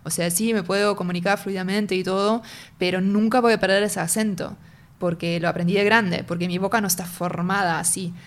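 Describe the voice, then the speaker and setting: A young woman whose first language is German speaks Spanish in a casual interview as a marketing and sales lead. She explains things slowly in a mid-range, fairly even voice, repeatedly searching for the right word.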